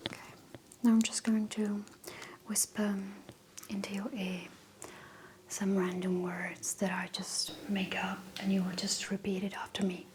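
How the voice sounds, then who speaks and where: A woman whispering gently as a doctor in a medical ASMR roleplay, giving soft step-by-step instructions. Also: medium pitch, little pitch movement, measured pace, a little hiss or hum.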